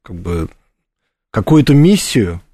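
A man's voice: lowish voice, sing-song, takes it slowly, warm tone, dry recording. A man, a lawyer, speaking as a radio studio guest in a rambling, hedging way. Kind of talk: radio discussion. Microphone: studio microphone.

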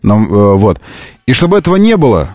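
Man, radio co-host, ironic banter, lively swooping pitch, dry close sound. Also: a little fast, dry recording. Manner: ironic, playful, animated storyteller. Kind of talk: casual radio chat.

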